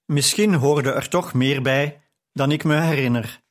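A man's voice: mid-range voice, measured pace, close to an everyday voice. A man reading an audiobook, voicing an easygoing young nobleman with a playful, teasing way of speaking. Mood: breezy. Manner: breezy and playful.

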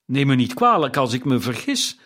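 A man's voice: mid-range voice, sing-song, moderate pace, fairly bright tone. A man voicing old Scrooge, a miserly old man, in a raised, probing and indignant voice for an audiobook reading. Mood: questioning, indignant.

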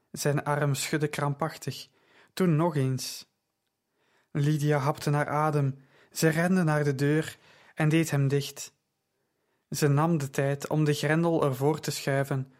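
A man narrating a story in a measured, even style. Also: a little high. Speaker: audiobook narrator. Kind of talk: scripted narration.

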